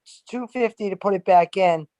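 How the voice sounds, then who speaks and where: A man's voice: high voice, moderate pace, warm tone. A man who installs shower glass, talking bluntly with crude humor. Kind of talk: casual shop talk.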